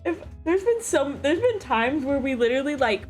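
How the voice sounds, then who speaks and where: Giggly high-voiced young woman host. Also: sing-song, moderate pace, faint music behind. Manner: giggly, laughs often between words. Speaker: podcast host. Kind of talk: casual streamed podcast chat.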